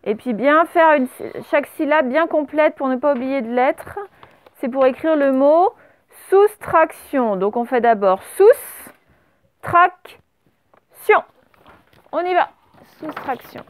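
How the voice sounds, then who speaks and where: A woman teaching a spelling lesson, dictating words slowly and spelling them out letter by letter and syllable by syllable. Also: high voice. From France. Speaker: primary school teacher.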